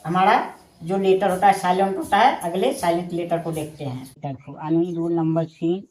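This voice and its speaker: A woman's voice: fairly low pitch, a little mellow, poor audio. A woman teaching a lesson, spelling each word letter by letter and saying it again and again. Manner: spells words out letter by letter, slowly; repeats each word many times. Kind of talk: classroom lesson.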